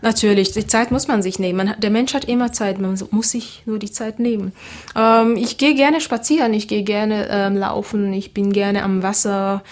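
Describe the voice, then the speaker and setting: Answering interview questions casually, a guest singer whose first language is Creole speaks in a flat, even tone. Her pitch is medium and her speed normal, and she sounds relaxed yet hesitant, using lots of fillers.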